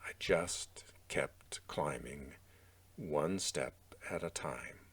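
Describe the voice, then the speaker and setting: A man reading a picture book aloud in the role of a wistful, determined egg, earnest and measured with dramatic pauses. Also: a bass voice, a bit bright, husky, exaggerated voice. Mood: nervous, hushed. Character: Humpty Dumpty, wistful but determined egg narrating his own fall. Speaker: story reader. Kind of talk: gentle picture-book storytelling read aloud.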